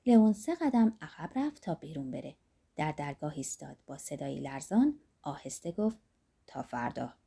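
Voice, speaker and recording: A woman reads a novel aloud with lively, wide swings of pitch, sometimes sinking almost to a whisper. Her voice is mellow and slightly husky. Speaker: narrator. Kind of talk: scripted audiobook narration.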